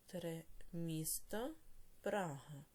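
A woman teaching a language lesson, dictating words slowly with clear stress and quick explanations in between. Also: low-pitched, lively intonation, a little mellow.

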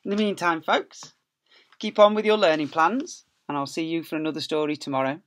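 A middle-aged male school teacher, speaking fairly quickly in a voice that's a little high and a bit bright, reads a picture book aloud to young kids. He draws out key words playfully and adds sound effects. The clip was recorded at close range on a laptop webcam in a small office.

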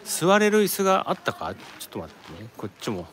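A man's voice: fairly high pitch, wildly swooping pitch, fast talker, fairly bright tone, a little hiss or hum. A man from Japan chatting casually on a live stream while walking around an outdoor tourist site, rambling and answering viewer comments. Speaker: live streamer, office worker in Korea.

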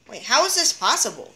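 A woman exploring a dim house films a ghost-hunting vlog on a handheld phone camera, exclaiming and repeating herself as she looks around. Her voice is on the high side with a sharp tone, and there is a little hiss or hum.

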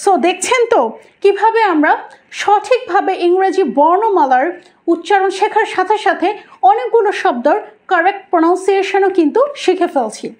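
A woman with a Bangladeshi accent, a native Bengali speaker, teaching English pronunciation and repeating each word slowly to contrast wrong and right. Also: very high-pitched, a little mellow. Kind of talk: teaching lesson.

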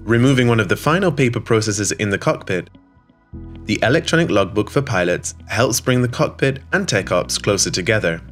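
A man with a slightly low voice narrates a scripted promo in an even, polished studio read. Soft music plays quietly behind him. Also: a little fast. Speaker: voice-over narrator. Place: studio voice-over. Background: soft background music.

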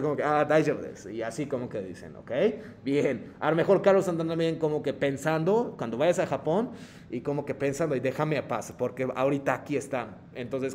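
A man's voice: medium pitch, a little mellow, a little hiss or hum. A man teaching Japanese in Spanish, explaining patiently and checking in often with the class. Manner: mixes Japanese phrases into Spanish. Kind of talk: online language lesson.

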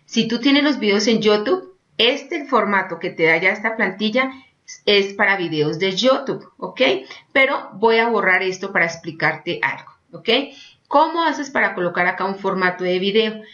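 A woman's voice: medium pitch, lively intonation, moderate pace, fairly bright tone, lo-fi sound. Chatty woman walking through a tutorial. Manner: chatty, keeps prompting with "mira" and "¿ok?". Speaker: online course instructor. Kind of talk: screen-recorded software tutorial.

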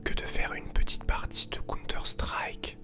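A young man playing an overly calm relaxation guide in a soft, soothing whispered role-play for a parody ASMR video. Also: over music, close to an everyday voice. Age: young adult. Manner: slow, soothing, deliberately gentle. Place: small bedroom with computer desk, indoors.

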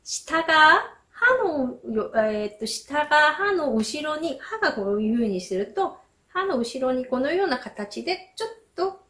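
A young woman who grew up speaking Korean, teaching pronunciation in a slow, patient way and repeating each sound as an example. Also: high voice, sing-song, pushed and bright. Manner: models sounds slowly and repeats them.

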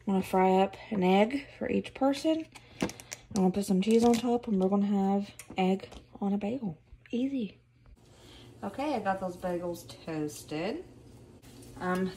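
A woman's voice: mid-range voice, slight background noise. Chatty Southern woman cooking at home. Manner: chatty, upbeat, narrates while cooking. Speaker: vlogger. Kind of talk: casual cooking vlog. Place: home kitchen, indoors.

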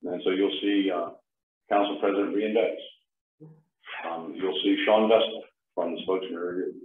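A man's voice: low voice, fairly even intonation, normal speed. A man in his sixties with a froggy, congested head-cold voice, giving an informal talk to a class. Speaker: guest speaker and documentary maker. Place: small classroom, indoors, far camera. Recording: distant mic in echoey room, muffled lo-fi.

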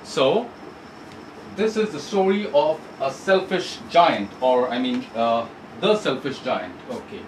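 A man's voice: mid-range voice, slow, slight background noise, poor audio. A male English teacher giving an online class. He reads a textbook story aloud and explains it, asking students questions and rephrasing points. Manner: asks students questions, repeats and rephrases for clarity.

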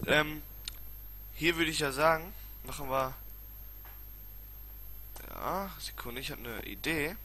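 Grumbling man over clear background noise. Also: fairly high pitch, lively intonation, takes it slowly, long pauses. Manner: grumbling, muttering, colloquial exclamations. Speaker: let's player. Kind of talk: casual gameplay commentary. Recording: clearly noisy home recording with clicks.

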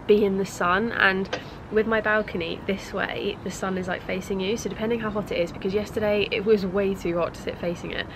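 A young British lifestyle vlogger with a stuffy, congested voice rambles casually to camera from an outdoor balcony. Her pitch is medium and her intonation fairly even, she speaks briskly, and there's background noise.

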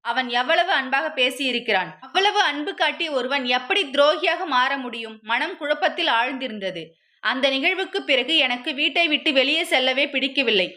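A woman's voice: high voice, normal speed, sharp tone. A woman narrating a first-person short story with an emotive, dramatic reading.

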